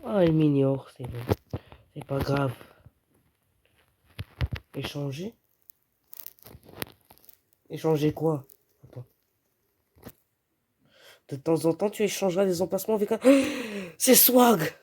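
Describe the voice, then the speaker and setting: Jumpy gamer guy, slow and dark-toned. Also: on the high side, a little hiss or hum. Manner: jumpy, yelps and repeats words in panic. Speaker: gamer playing online. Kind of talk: live gameplay commentary.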